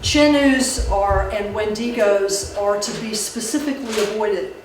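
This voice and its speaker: A woman gives a public talk on folklore to a library audience, telling folk tales and explaining old beliefs in a loose, conversational way full of restarts and fillers. Her medium-pitched voice moves at a measured pace. It's captured from a distance in a very echoey room, with steady background noise underneath.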